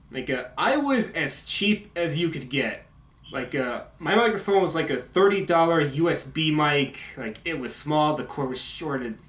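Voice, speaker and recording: A video game commentator gives a casual vlog update, mumbling and halting through plenty of fillers on a condenser mic. His voice is fairly high and fairly bright, recorded in an echoey room at home.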